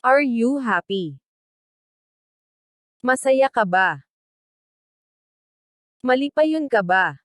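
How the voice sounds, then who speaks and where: A woman language teacher, reading short phrases slowly and deliberately in a translation drill. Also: fairly high pitch, lively intonation, no room sound, studio quality. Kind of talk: slow read-aloud translation drill.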